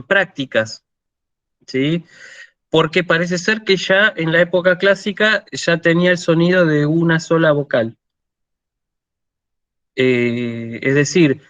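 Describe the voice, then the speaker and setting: A slow, patient lecturer with an Argentine accent and a slightly high voice for a man, often checking in with his listeners as he explains. The recording is dry and a little dull. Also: a bit bright, dry recording. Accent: Argentine Spanish. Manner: slow and deliberate with many fillers. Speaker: university lecturer. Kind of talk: online lecture.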